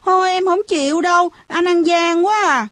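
A woman voicing a naive, sweet little girl who talks in a high, whiny, pleading way. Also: normal speed, no room sound, lightly acted. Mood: protesting.

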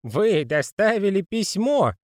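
A man's voice: sits high, big pitch swings, moderate pace, no echo, studio quality, pitched above the performer's own voice. A man voicing a fussy, anxious old male postman in an audiobook reading. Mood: agitated.

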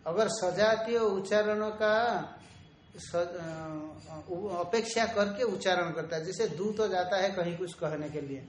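A man teaching a traditional Vedanta lesson, explaining slowly, repeating key terms and drawing out Sanskrit quotations. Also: sits high. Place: ashram room. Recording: echoey room, faint ambience.

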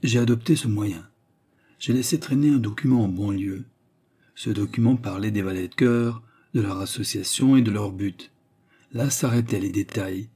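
Brief: male reader as a menacing baronet schemer, calm and cold, deep hushed tone. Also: moderate pace, husky. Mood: lecturing. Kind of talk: audiobook character reading.

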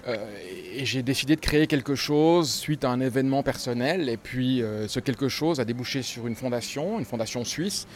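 A man's voice: mid-range voice, moderate pace, few pauses, a little hiss or hum. A man raised in Switzerland, a foundation founder being interviewed casually, talking emphatically and hammering his points home. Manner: emphatic, piling up repeated points. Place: restaurant.

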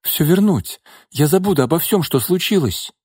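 A desperate jilted young woman, as a male reader puts her on, pleading and shrill in an audiobook. Her voice jumps high and swings widely. The recording is dry and close. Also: expressive, normal speed, darkish tone, slightly rough, no echo. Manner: shrill, pleading, emotional outbursts.

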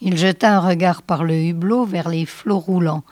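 A woman reading a science fiction novel aloud in a measured, expressive way. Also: on the low side, no echo. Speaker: reader.

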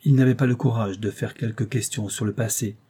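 Male narrator for a classic novel audiobook, measured delivery, husky tone. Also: mid-range voice, steady tone, dark tone. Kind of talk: scripted narration.

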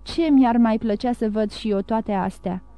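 A woman's voice: a little high, dark tone, clear, resonant tone, no room sound, lightly acted. A woman reading the part of a greedy, envious older man in an audiobook, eager and wheedling.

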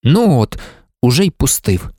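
A man's voice: mid-range voice, big pitch swings, moderate pace, mellow, no echo, clean studio sound. A man reading an audiobook, voicing a cheeky young male accountant who teases in familiar banter. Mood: irritated.

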